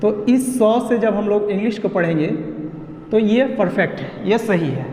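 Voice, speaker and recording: A man with a Bihar accent teaching an online lesson, explaining pronunciation slowly and repeating himself. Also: sits high, darkish tone, a little hiss or hum. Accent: Indian, Bihar. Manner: slow, repetitive explaining of pronunciation. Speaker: English teacher. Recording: echoey room with long reverb.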